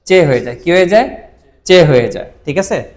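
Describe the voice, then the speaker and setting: A man teaching vocabulary in a classroom-style drill, repeating each word slowly and quizzing his listeners. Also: on the high side, expressive, darkish tone. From Bangladesh. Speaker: Japanese language teacher. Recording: long reverb, echoey room.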